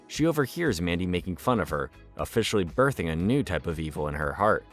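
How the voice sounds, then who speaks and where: A man's voice: deep voice, a bit bright. A man delivering scripted narration as a recap storyteller, with the occasional wry aside. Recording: music bed behind voice.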